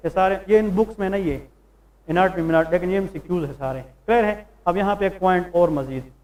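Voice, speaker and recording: This high-voiced man teaches medicine in a mix of Hindi and English, firing questions at the class and supplying the answers himself. When English terms come up he slows to emphasize them; his tone is a little mellow and the audio is rough.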